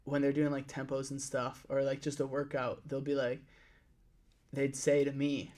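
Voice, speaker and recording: A young man in his twenties, a podcast host and track coach intern, talking in a relaxed, rambling way and swearing now and then. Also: mid-range voice, normal speed. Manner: relaxed, rambling, swears casually, acts out quotes. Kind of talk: casual chat.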